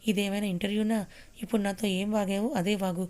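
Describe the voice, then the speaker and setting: A woman's voice: mid-range voice, fairly even intonation, brisk, darkish tone, natural voice. A woman voicing a stern, protective older brother in a storybook reading. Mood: irritated.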